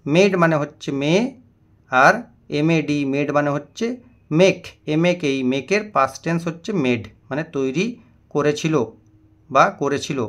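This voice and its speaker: A man's voice: on the high side, fairly bright tone. A man teaching an English lesson, explaining vocabulary patiently and spelling words out letter by letter. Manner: slow, deliberate reading of English example sentences.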